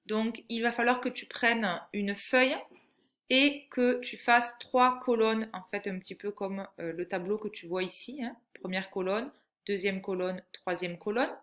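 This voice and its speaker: Woman teacher for young kids: slow, bright, patient, every word spelled out clearly. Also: mid-range voice. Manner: patient, clearly articulated, addressing the child as tu. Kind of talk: slow lesson for young children.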